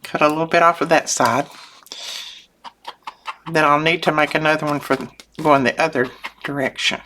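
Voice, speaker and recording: With a steady, fairly bright tone and a moderate pace, an older woman with a distinctly low voice hosts her craft channel, making homey small talk as she works at her desk. She wanders off mid-thought and chuckles frequently, and sinus trouble leaves her sounding a touch congested. Noticeable background noise and faint clicks run through the clip.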